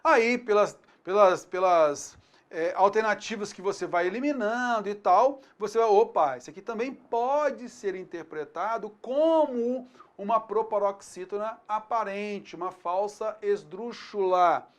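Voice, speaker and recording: A teacher with a Brazilian Portuguese accent giving a recorded grammar lesson. He talks straight to the student, checks in often with short questions, and slows down to draw out example words. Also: mid-range voice. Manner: stretches words slowly when he models them.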